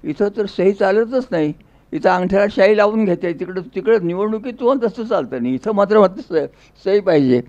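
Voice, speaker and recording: A man's voice: high-pitched, lively intonation, fairly quick, darkish tone, dull audio. A man giving a folksy storytelling speech, acting out dialogue in a rural dialect. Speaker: public speaker.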